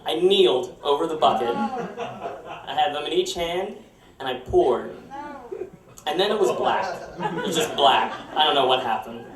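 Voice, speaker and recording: A young man telling a wry, self-mocking story to a live audience on a storytelling stage. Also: a little high. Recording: roomy live stage, heard from far off, audience laughter.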